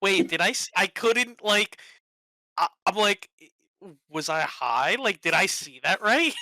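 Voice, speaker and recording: A co-streamer chatting casually, telling a story in a halting, laughing way. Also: medium pitch, lively intonation, bright, forceful tone, no echo. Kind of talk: casual chat.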